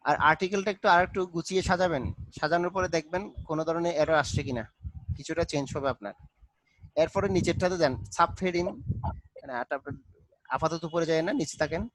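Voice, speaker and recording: A man's voice: on the high side, fast, fairly bright tone, dry recording, low-quality recording. A man tutoring students in a live online class, patiently walking them through steps and mixing in English terms. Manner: patient, repeats instructions, mixes English terms into speech.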